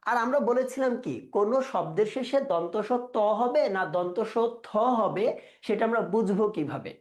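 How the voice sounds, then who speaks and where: Guy teaching online exam prep, asks the class questions, says words over n over slowly. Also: high voice, animated. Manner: quizzes students, repeats words slowly to drill pronunciation.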